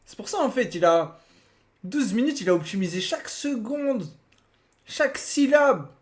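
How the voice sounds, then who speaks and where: A man's voice: very high-pitched, animated, moderate pace. Slangy young man streaming. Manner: slangy, laughing, repeats himself. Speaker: streamer reacting to a video. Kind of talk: casual live-stream reaction.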